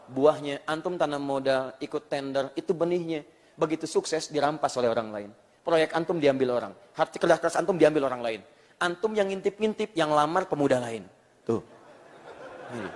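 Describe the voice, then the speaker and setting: A man preaching a live sermon to a congregation, animated and joking, acting out everyday quotes and reciting Arabic verses. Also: a little high. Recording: long hall reverb.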